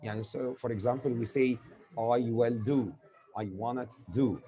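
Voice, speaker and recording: A native Arabic speaker with an Egyptian accent teaches a grammar lesson, explaining with examples and posing questions he then answers himself. His mid-range voice is mellow and moves at a moderate pace.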